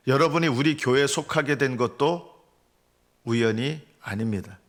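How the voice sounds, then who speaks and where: A middle-aged male pastor gives an early-morning sermon in a voice of average pitch. He preaches earnestly and keeps asking the congregation questions before he answers them himself. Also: moderate pace. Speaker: senior pastor.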